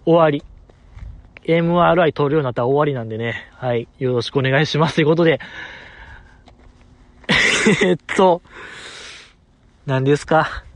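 A man's voice: fairly high pitch, moderate pace, long pauses, dry recording. A man hosting a solo podcast episode, chatting casually and joking at his own expense. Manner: joking, self-mocking, chatty. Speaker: podcast host.

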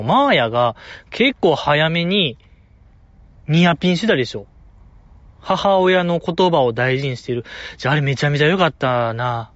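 A man with a Kansai accent talks alone, playful and exaggerated, full of joking asides. His voice sits a little high. The recording is dry and dull, a bit lo-fi. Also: fairly bright tone, no echo. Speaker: fan commentator. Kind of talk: casual solo talk.

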